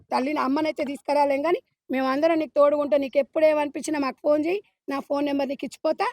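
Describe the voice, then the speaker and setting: A woman's voice: high voice, a little mellow, no echo, clean studio sound. A woman with a Telangana Telugu accent, a local leader consoling a grieving child on camera in an emphatic, repeatedly soothing way.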